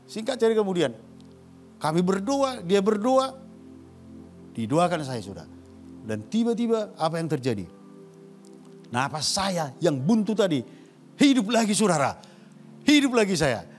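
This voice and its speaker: Emphatic male pastor preaching over soft music. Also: high-pitched. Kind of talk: sermon.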